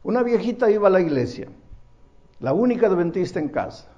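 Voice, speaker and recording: A man's voice: high voice, sing-song, a little fast, mellow, muffled recording. A man preaching a sermon as a pastor, telling stories and asking the congregation rhetorical questions.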